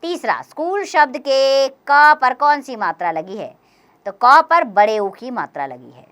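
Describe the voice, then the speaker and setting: A woman teaching a grammar lesson for young children, explaining slowly and clearly, step by step. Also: sits high, lively intonation, fairly bright tone.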